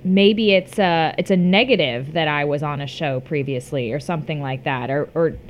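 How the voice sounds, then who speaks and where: A woman's voice: sits low, normal speed, a little hiss or hum. A woman hosting a casual interview, asking questions informally and chipping in with agreement. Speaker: interviewer, host.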